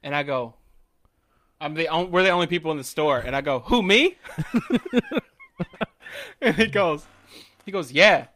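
A man with a Southern accent co-hosts a podcast, animatedly telling casual stories packed with swearing and acted-out quotes. His voice is on the high side, a little slow, with frequent pauses.

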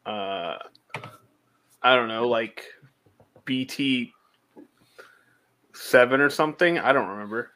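A man's voice: medium pitch, takes it slowly, long pauses, pushed and bright. Dry-humored man in his thirties. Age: 30s. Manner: dry, short offhand replies. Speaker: podcast co-host. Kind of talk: casual chat.

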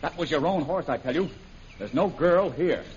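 An actor playing a steady, commanding jungle adventurer hero in a 1930s radio serial, firm and reassuring. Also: male voice, a little high, normal speed, lightly acted. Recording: noisy, muffled vintage radio recording.

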